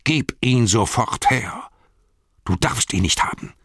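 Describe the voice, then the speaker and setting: A man's voice: rumbling low, sing-song, takes it slowly, vocal fry, fairly bright tone, slightly rough, dry recording, studio quality, full character voice. A man voicing a tormented young male hobbit in an audiobook, strained and torn between frenzy and regret. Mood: frantic. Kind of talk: audiobook character voice.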